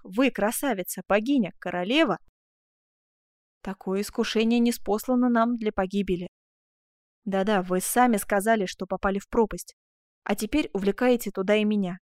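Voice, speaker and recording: A woman's voice: mid-range voice, darkish tone, no echo, studio quality, natural voice. A woman reading the part of a bewildered young man in an audiobook, speaking in an agitated, pleading way.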